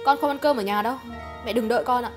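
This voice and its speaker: A woman voicing a sharp-tongued young daughter-in-law. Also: a little high, fast, soft background music, natural voice. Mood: curt. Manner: exasperated, scolding.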